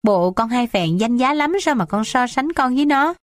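A woman's voice: expressive, moderate pace, dry recording, studio quality, natural voice. A woman voicing a scolding, dramatic old village matriarch in an audiobook. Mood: coaxing. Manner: shrill, complaining, wailing.

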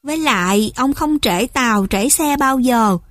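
A woman gently reading children's stories aloud as a storyteller. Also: fairly high pitch, expressive, unhurried, dry recording, studio quality.

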